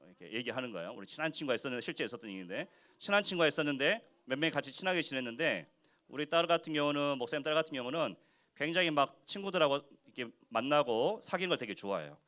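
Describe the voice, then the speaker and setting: A man giving a children's sermon as pastor in church, animated and constantly asking the kids questions. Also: a little high, rapid-fire. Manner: acts out quoted speech in short voices. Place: church worship service for children.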